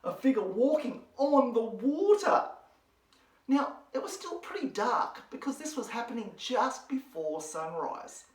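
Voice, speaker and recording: A woman with an Australian accent presenting a children's church lesson, telling a Bible story in an animated, expressive way. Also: on the high side, unhurried. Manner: animated, expressive, speaks to her dog. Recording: roomy, from a distance.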